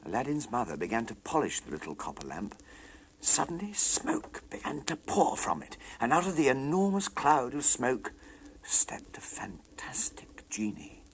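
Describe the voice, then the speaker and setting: A man's voice: mid-range voice, huge pitch swings, moderate pace, background noise. A man narrating a scripted children's story dramatically as its storyteller.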